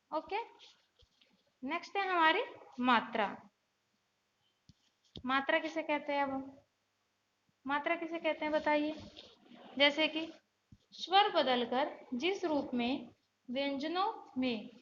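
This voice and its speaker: A woman with a high voice teaches a grammar class. She poses questions and answers them herself, and she spells out letters slowly. The recording is a little muffled, with faint hiss underneath. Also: fairly bright tone. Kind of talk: classroom lesson explaining from a board.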